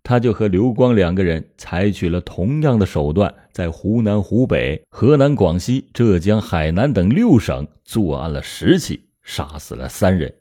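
A man narrates a true-crime case in a dramatic, emphatic way. His voice is low and dark, and his pitch rises and falls in wide swings. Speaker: storyteller and host.

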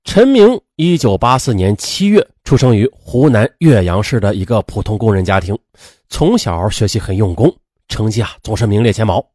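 A man's voice: fairly low pitch, expressive, normal speed, darkish tone, no echo, clean studio sound. A man narrating a true crime story in a dramatic, emphatic, explanatory way, with conversational asides.

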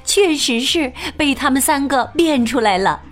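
A woman reads a picture book aloud for children in an unhurried, sing-song manner. Her fairly high voice rises and falls expressively. Quiet music plays beneath her. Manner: slow, lilting, expressive storytelling. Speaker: children's storyteller. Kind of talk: picture-book story reading. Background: faint music.

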